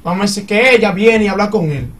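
A man with a high voice talks quickly, piling example on example as he argues in a casual group chat. He sits a bit back from the microphone, so his voice sounds slightly distant. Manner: animated, argues by giving examples.

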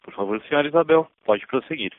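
A man serves as the operator of a conference call, reading set instructions in a quick, formal way. The sound is thin and phone-like. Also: a little high, lively intonation, no room sound. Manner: formal, brisk. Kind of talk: scripted operator announcement. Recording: tinny phone line.

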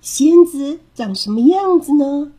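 A woman's voice: sits high, lively intonation, unhurried, warm tone, pitched above the performer's own voice. A woman voicing a small, timid child who keeps asking worried questions in a storybook reading. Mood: curious. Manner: anxious questioning.

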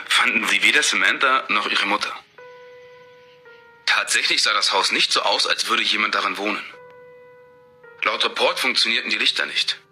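Male horror narrator, measured delivery, bright tone, low-ish pitch.

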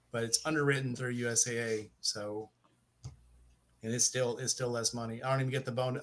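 A middle-aged man leads a relaxed podcast conversation in an ordinary mid-range voice. He meanders through his points, restarts sentences and corrects himself on the fly. He throws in easy jokes as he goes. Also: mid-range voice. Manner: rambling, self-correcting, joking. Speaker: podcast host. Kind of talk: casual chat.

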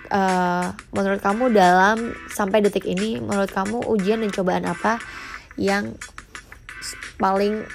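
A young woman, hosting her own podcast in a chatty way with lots of fillers and English phrases thrown in. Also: medium pitch. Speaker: podcast host. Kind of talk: casual solo podcast.

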